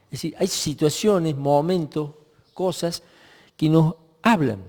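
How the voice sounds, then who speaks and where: A man preaching in a reflective way, his voice fairly high for a man but dark and mellow. He pauses and restarts his sentences as he works through a passage. A long reverb trails behind his voice. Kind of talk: sermon.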